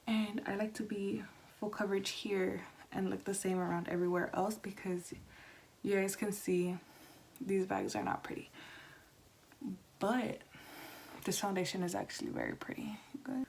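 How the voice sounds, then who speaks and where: A woman chats casually through a makeup tutorial. She keeps her voice quiet and hushed, like late at night with someone sleeping close by. Her pitch is average, and there is faint noise on the recording. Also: expressive, normal speed, creaky, pauses often. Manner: quiet, hushed talk at night-time volume so as not to wake someone. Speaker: beauty vlogger. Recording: noisy home recording with clicks.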